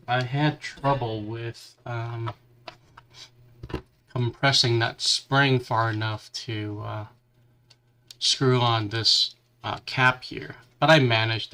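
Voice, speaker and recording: A livestream host works on a model kit at his bench, chatting casually in a bright, forward voice of medium pitch that barely moves. Getting over a cold, he coughs now and then and sounds stuffy, his talk coming haltingly as he works. A little hiss or hum runs under the recording.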